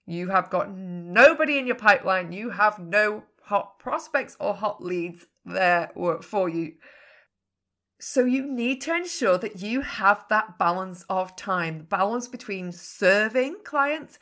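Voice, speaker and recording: A woman's voice: mid-range voice, expressive, takes it slowly, fairly bright tone. A woman business coach giving a frank, emphatic podcast talk, swearing casually now and then. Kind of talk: podcast teaching monologue.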